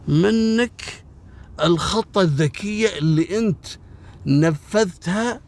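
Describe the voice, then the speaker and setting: A man playing a sly, calming man. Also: on the high side. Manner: soothing, hushing, matter-of-fact. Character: calm, sly younger man soothing someone.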